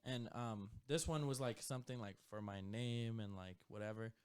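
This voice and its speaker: A man's voice: lowish voice, normal speed, darkish tone, smooth, no room sound. Laid-back young man telling stories. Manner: laid-back, storytelling, laughs often. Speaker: podcast co-host. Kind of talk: casual chat.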